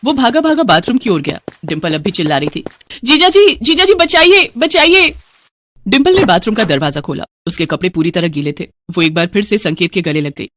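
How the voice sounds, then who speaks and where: Expressive woman narrating a story. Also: on the low side, quick pace, few pauses, no echo.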